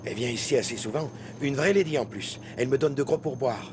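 A man's voice: mid-range voice, quick pace, lightly acted. A man playing a chatty, protective apartment-building caretaker in a dubbed TV crime drama. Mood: wary, chatty. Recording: noisy TV soundtrack with background ambience.

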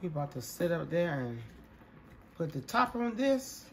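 A congested man narrating a casual cooking video from his home kitchen, relaxed and chatty, talking to viewers as y'all. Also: on the high side, measured pace, slight background noise. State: congested, coughing. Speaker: home cook.

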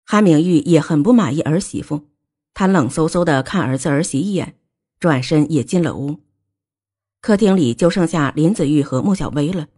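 A woman narrating an audiobook drama in expressive storytelling. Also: deep voice, normal speed, slightly rough. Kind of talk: scripted narration.

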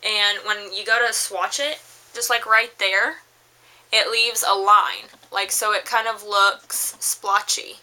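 Young woman, very bright tone, slightly hoarse, chatty rambling vlog, makeup haul review. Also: medium pitch, flat delivery, takes it slowly, low-quality recording. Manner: chatty, rambling, lots of fillers and restarts. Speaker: beauty vlogger.

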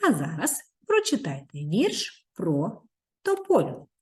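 Lively, sing-song woman teacher. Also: lowish voice, slow pace. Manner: expressive, sing-song teaching voice with soft whispered asides. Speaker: primary school teacher. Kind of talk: video reading lesson for young children.

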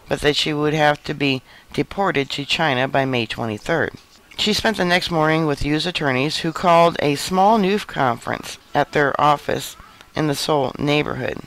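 A man giving a scripted news narration in an even, measured read. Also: medium pitch, poor audio. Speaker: news reader.

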